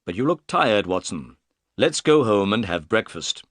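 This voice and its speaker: A man doing a calm polite detective, firm, clipped, brisk, lively intonation, dry close sound. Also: lowish voice, no echo, full character voice. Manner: firm, clipped, quick delivery.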